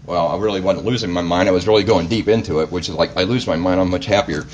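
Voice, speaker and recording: A man sharing his personal testimony at a recovery meeting, halting and reflective as he goes. His voice sits on the low side, with a faint hiss of noise behind it. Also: muffled recording.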